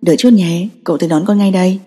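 Soft-spoken indulgent young uncle, voiced by a woman, lowered voice, mellow tone, long reverb. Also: fast, breathy edge. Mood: gentle.

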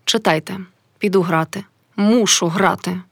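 A woman's voice: mid-range voice, a little slow, vocal fry, no room sound. Woman reading as a proud despairing pianist. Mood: resolute.

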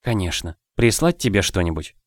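A man voicing a calm, caring young noblewoman who speaks gently and reassuringly. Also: deep voice, normal speed, no room sound, clean studio sound. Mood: gentle.

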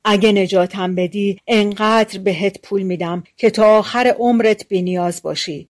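A woman reading an audiobook, voicing a vengeful male spirit freed from a bottle that shouts threats and later pleads. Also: medium pitch, natural voice. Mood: pleading. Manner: loud and menacing, turns pleading.

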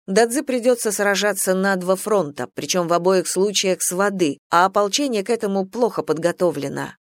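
An audiobook narrator reading a novel in an even, measured way. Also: medium pitch, no echo. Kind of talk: scripted narration.

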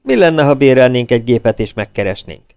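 A man voicing a brash male detective partner who talks loudly and teasingly. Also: mid-range voice, lively intonation, creaky, clear, resonant tone, no echo, studio quality. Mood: excited teasing. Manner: loud, teasing and eager.

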